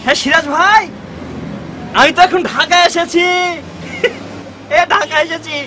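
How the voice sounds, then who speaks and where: A man doing a shrill, loud village bumpkin on the phone. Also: normal speed, crowd noise, noisy background. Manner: shouts into phone, rural dialect, rambling. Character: loud naive village man new to the city, shouting on phone. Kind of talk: comedy sketch. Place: on a city bus. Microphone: phone camera. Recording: mobile phone video with faint music.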